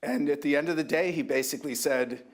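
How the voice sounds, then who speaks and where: A man in his sixties, an author at a university book talk, reminiscing thoughtfully with halting restarts. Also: on the high side. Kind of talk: reflective anecdotal talk.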